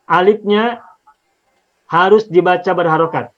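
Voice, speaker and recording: A man's voice: high voice, measured pace, narrow, tinny audio. A man teaching an Arabic linguistics lesson on the Quran, explaining patiently step by step and repeating examples.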